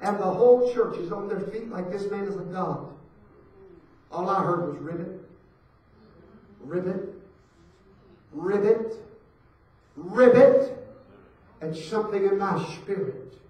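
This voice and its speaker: A man preaching a fiery sermon, swinging from hushed asides to shouted lines with rhythmic repetition, in a church. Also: sits high, moderate pace. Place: church sanctuary. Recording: echoey hall, preacher far from the mic.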